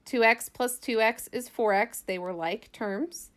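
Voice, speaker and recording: A woman math teacher with a slightly high, somewhat bright voice gives an informal lesson at an unhurried pace. She thinks aloud, casually walking through worked examples step by step.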